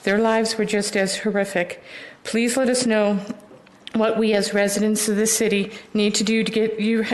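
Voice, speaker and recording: A woman's voice: mid-range voice, little pitch movement, moderate pace, poor audio. An American woman giving emotional, hesitant public comment at a city council meeting, partly reading from a page. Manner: emotional, hesitant, with many fillers.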